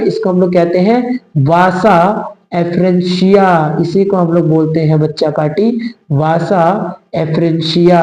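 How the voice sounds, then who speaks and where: A young man with a high voice teaches biology in an echoey room. He talks to his students in a coaxing way, repeats each term several times, and answers his own questions. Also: a little mellow. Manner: repetitive, coaxing, asks questions and answers them himself. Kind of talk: explanatory lesson for exam students.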